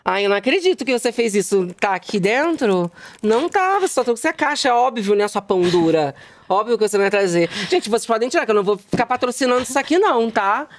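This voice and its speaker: Brazilian girl hosting a talk show, kinda high voice, mocking and dramatic the whole time. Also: very animated, fast. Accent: Brazilian Portuguese. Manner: sarcastic, teasing, theatrically outraged. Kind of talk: mock-confrontational interview.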